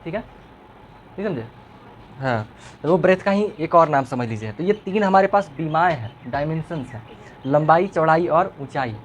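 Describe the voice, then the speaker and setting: A man's voice: on the high side, expressive, moderate pace, background noise. A male schoolteacher, teaching a classroom lesson and teasing and quizzing his pupils.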